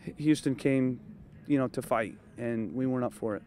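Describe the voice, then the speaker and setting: A man in his thirties, a head coach, giving a measured postgame interview outdoors at night, with lots of "you know" and "um" as he thinks. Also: mid-range voice, a little mellow. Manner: thoughtful, measured, frequent fillers. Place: outdoors at a training field at night. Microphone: handheld interview mic held close.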